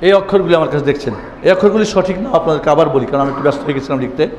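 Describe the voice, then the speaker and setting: A man's voice: fairly high pitch, very fast, slight background noise. Man chanting letters in an echoey hall. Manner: chants Arabic letter names loudly for repetition. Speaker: Quran teacher. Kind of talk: Quran recitation lesson. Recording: echoey hall with faint ambience.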